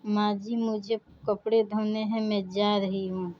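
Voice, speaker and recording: A woman voicing a patient, dutiful young daughter-in-law who answers politely and calmly. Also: medium pitch, a little slow, dull audio, slight background noise, lightly acted. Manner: polite and calm.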